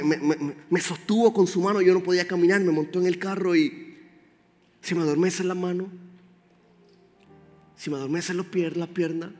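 High-voiced man preaching in a hall. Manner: animated, addresses the congregation directly. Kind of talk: sermon. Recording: roomy hall with faint music.

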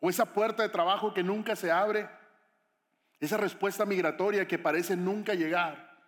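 Brief: male pastor, high voice, conversational sermon, echoey church hall. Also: steady tone, moderate pace, fairly bright tone. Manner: conversational, questioning the audience.

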